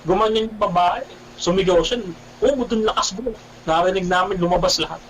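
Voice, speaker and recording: High-voiced man, animated radio guest telling his testimony, addresses the host as "bro". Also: a little fast, slight background noise, poor audio. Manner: animated, keeps calling the host "bro", repeats himself.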